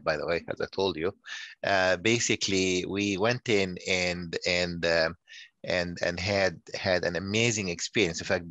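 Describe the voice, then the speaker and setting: A man's voice: deep voice, fairly bright tone, no room sound. A man in his sixties, raised in Nigeria, giving a conference talk over a video call, often repeating words as he goes. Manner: halting, many repeated words. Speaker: guest speaker.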